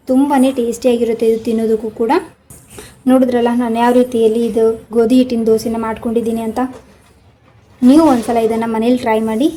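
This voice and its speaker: Woman cooking host, calm step-by-step instructions, mellow tone, light kitchen sizzle underneath. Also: a little high, slight background noise, rough recording. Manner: calm step-by-step instructing, addresses viewers directly. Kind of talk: cooking demonstration voice-over.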